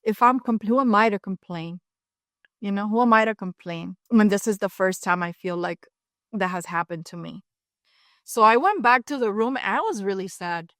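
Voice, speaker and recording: A woman in her fifties from Cuba, telling a personal story as a podcast guest with animated asides. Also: mid-range voice, normal speed, dry recording, clean studio sound. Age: 50s. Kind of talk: storytelling in an interview.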